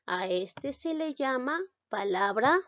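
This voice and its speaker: A woman's voice: on the high side, expressive, slow, fairly bright tone, no room sound, lo-fi sound. A woman teacher giving a spoken grammar lesson, stressing syllables and asking the class questions as she goes.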